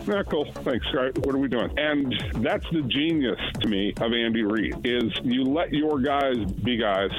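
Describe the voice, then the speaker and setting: A man's voice: medium pitch, poor audio. Male sports writer guest, mid-range voice, conversational radio analysis. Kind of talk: interview analysis.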